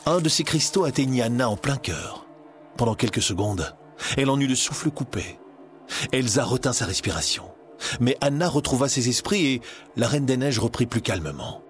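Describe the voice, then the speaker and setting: A man narrating a storybook in an expressive, animated way. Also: mid-range voice, normal speed. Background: music.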